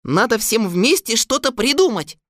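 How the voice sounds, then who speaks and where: A woman's voice: on the high side, expressive, normal speed, fairly bright tone, no room sound, clean studio sound. A woman voicing a brave, clever little boy in an audio fairy tale, speaking eagerly.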